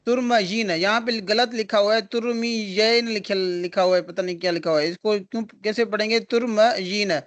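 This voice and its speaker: A male teacher with a fairly high voice gives an online grammar lesson over a video call, speaking with few pauses. He lays out each point step by step and answers his own questions.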